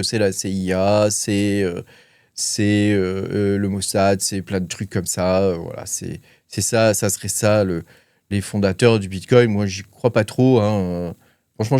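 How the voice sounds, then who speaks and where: A man's voice: on the low side, unhurried, a little mellow, clean tone, no room sound, clean studio sound. A man hosting a crypto channel, talking casually with lots of fillers and hesitations while reading his notes. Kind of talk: casual commentary to camera.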